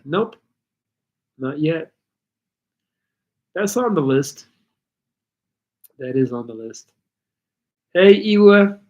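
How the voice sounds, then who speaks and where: A Dutch man hosts a livestream Q&A in English, answering viewer questions in a relaxed, slightly rambling way and reading the chat aloud. Some sounds come out with slightly altered articulation. His voice is medium-pitched and the audio sounds lo-fi.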